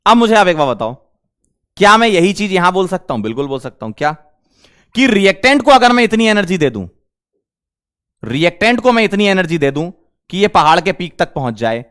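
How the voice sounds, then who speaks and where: High-voiced male teacher quizzing a class. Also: sing-song, fairly bright tone, clean tone. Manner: quizzing students with quick questions. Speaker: chemistry teacher. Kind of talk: classroom lecture.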